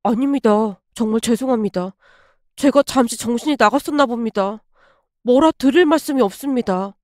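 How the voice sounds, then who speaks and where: A woman's voice: fairly high pitch, normal speed, dry recording, clean studio sound, voice pushed down, natural voice. Woman voicing a panicky young office guy. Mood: apologetic. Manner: loud, shouting when drunk, frantic disbelief. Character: young male office worker, rash and panicky.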